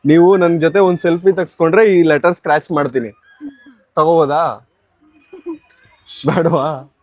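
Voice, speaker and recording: A man's voice: on the high side, steady tone, moderate pace, darkish tone, no echo. A man vlogging outdoors on a shopping street, stopping strangers politely and chatting to his viewers. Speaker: vlogger doing a street challenge. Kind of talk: casual street vlog, talking to camera and strangers.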